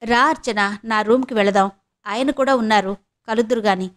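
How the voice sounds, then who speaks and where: A woman's voice: a little high, normal speed, natural voice. A woman reading an audio novel, voicing a blunt young friend who scolds and needles, in a raised, firm voice. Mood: coaxing. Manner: firm, cutting, lecturing.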